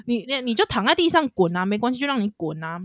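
Casting note: Taiwanese-accented woman in her thirties, podcast co-host, very lively pitch and dry close sound. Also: fast, dry recording. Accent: Taiwanese Mandarin. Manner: animated storyteller, laughs a lot, acts out a crying child. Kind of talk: casual chat.

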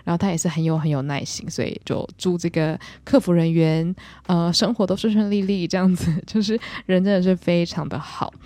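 Brief: young woman, rapid and animated, pokes fun at herself, dry close mic. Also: lowish voice, no echo. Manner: animated, self-mocking storyteller. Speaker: podcast host. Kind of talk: casual solo storytelling.

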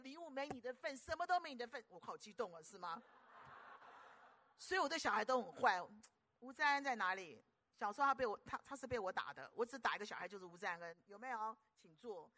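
Older woman, preacher, sermon, high bright voice, teasing rhetorical questions.

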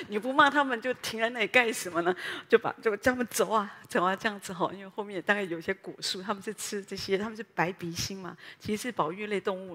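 Husky woman pastor preaching in a hall. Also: mid-range voice. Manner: lively storytelling, addresses the congregation directly. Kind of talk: sermon. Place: church.

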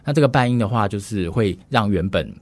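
A man, a music scholar explaining in a measured, lecturing way with frequent fillers. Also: lowish voice, expressive, a little mellow. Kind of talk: explanatory podcast conversation.

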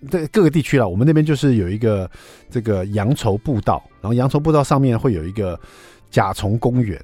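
Fast, animated radio host. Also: male voice, fairly low pitch. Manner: chatty, acts out dialogue with lively voices. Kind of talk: casual radio storytelling. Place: radio studio.

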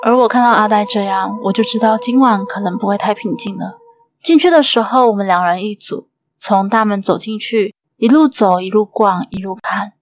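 A woman host with a Taiwanese Mandarin accent narrating a ghost story in a steady, suspenseful way. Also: medium pitch, moderate pace, faint music behind.

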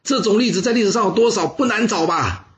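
A man voicing an agitated, loyal old chancellor in a storytelling recording, talking high, strained and heated. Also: rapid-fire, gravelly. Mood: indignant.

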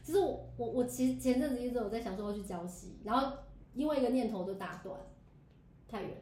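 A woman talks very fast in a casual chat with a slightly high voice. She chimes in often with quick replies. The room is echoey, with faint noise behind her. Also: warm tone. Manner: quick back-channel replies, chatty. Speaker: podcast co-host.

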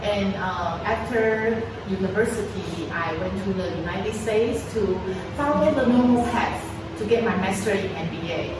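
A woman's voice: medium pitch, moderate pace, few pauses. A woman in her forties from Taiwan, whose first language is Mandarin, giving a chatty personal testimony talk at a sharing event, repeating words and laughing often. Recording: echoey room from far off, noisy.

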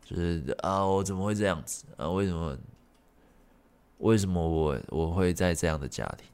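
A man's voice: deep voice, normal speed, a little mellow, smooth. A man hosting a podcast, telling a personal story in a rambling, frank way and swearing freely. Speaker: podcast host.

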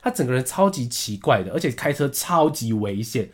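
Animated young Taiwanese man telling a story. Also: brisk. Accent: Taiwanese Mandarin. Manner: animated storytelling, acts out quotes with big pitch jumps. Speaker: podcast co-host. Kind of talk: casual storytelling chat.

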